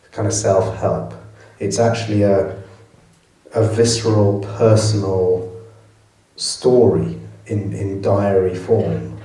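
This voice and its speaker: At a post-screening Q&A in a cinema auditorium, a male film director answers audience questions thoughtfully, often restarting his sentences. His voice is low with a dark tone, and the hall's echo comes through on a far-off recording.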